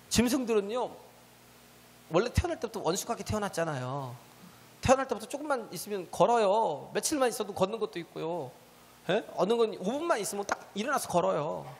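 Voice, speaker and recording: A man's voice: a little high, vocal fry. A male pastor preaching a sermon, often asking the congregation rhetorical questions and calling out hallelujahs. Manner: punctuates with shouted hallelujahs. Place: church sanctuary. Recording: church hall reverb.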